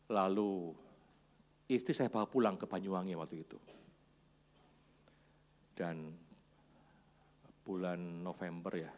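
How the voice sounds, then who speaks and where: A man in his forties preaching a church sermon, storytelling with chuckles and quiet asides. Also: low-pitched. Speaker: pastor.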